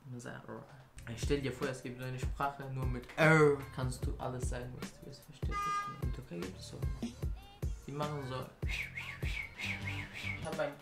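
A man's voice: medium pitch, steady tone, fairly quick, creaky, loud music behind the voice. Joking young man in an echoey room. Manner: playful, slangy, teasing. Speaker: reaction video host. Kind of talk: joking casual chat.

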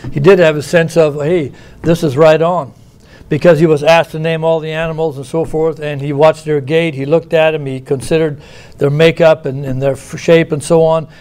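A male preacher from the United States gives a sermon in a church. His voice sits a bit high, and he talks in a loose, conversational way, restarting phrases and tossing in asides. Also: little pitch movement, a little fast, darkish tone.

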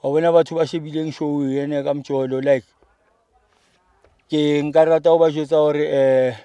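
A middle-aged man with a South African accent talking casually as an interview guest in a car, halting and full of slang. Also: a little high, little pitch movement, warm tone, no room sound. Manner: halting, peppered with slang address terms. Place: inside a parked car. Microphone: handheld microphone.

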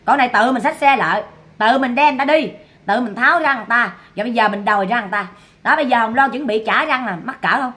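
A woman's voice: fairly high pitch, quick pace, bright, forceful tone. A woman doing gossip commentary to her viewers, scolding and repeating herself for emphasis. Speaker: online commentator.

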